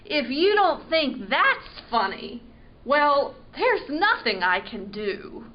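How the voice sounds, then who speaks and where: A woman's voice: high voice, big pitch swings, slow pace, dull audio, heavily acted. A woman voicing a young boy squire in a children's storybook, calling out and pleading. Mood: exasperated. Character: young boy squire, eager then exasperated.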